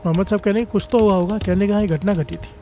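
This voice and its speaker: A man's voice: fairly even intonation, very fast, mellow, faint music behind. A man giving a devotional sermon, telling a story and often calling the congregation to respond. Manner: rises in pitch and volume at emphatic points. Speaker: preacher. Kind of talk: Sikh katha sermon.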